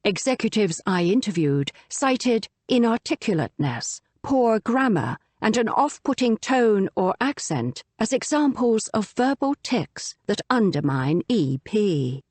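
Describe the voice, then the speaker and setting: A female audiobook narrator reads a nonfiction book in a measured, articulate manner, her pitch rising and falling lively within each sentence. She is recorded close to the mic in a dry, dead room with no echo.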